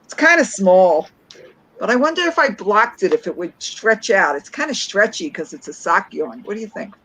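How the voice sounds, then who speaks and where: A woman's voice: medium pitch, expressive, moderate pace, a bit bright, poor audio. A middle-aged woman with a Brooklyn accent, chatting casually as a guest on a livestream. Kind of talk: casual chat.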